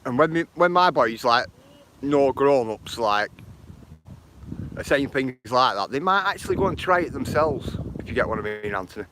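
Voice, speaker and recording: A man with a Lancashire accent talks at an even, middle pitch as he streams live from a phone on a walk. He greets viewers one after another in a friendly, slangy way, with faint noise outdoors. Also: moderate pace. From northern England. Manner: chatty, greets viewers by name; uses slang like bro and bruv. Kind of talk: casual walking live stream. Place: outdoors by water.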